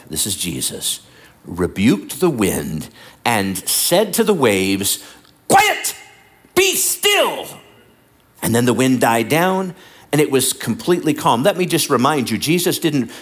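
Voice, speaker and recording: A male pastor delivering a lively sermon, sometimes acting out the lines he quotes. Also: medium pitch, husky. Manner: animated, acts out voices and quotes. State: bad back.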